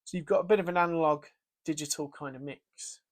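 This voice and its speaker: A man's voice: fairly high pitch, fast. A British man casually walking through his guitar pedalboard setup, thinking aloud with fillers and restarts. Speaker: guitar gear presenter. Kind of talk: casual gear demo.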